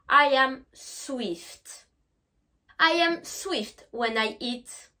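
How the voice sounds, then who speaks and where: A French-accented English teacher leads an online lesson in a high, light voice with a fairly bright tone. She addresses the viewer directly and informally, stretching out each English model word so it can be repeated.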